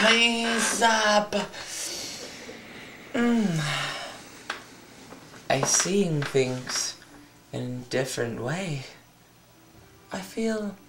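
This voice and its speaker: A shaky, disturbed patient, as a man plays him in an amateur comedy sketch, his voice squeaky and very high, drawn out slowly. He quavers and giggles, sliding from whispers into wails. The room is echoey, with a faint hiss. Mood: hushed. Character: shaky disturbed man confessing odd flaws. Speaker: therapy patient.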